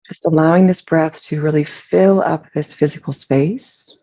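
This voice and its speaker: Someone leads a guided meditation, soothing and unhurried, leaving long pauses. The voice is medium-pitched, relaxed and gravelly with vocal fry, and the recording sounds muffled.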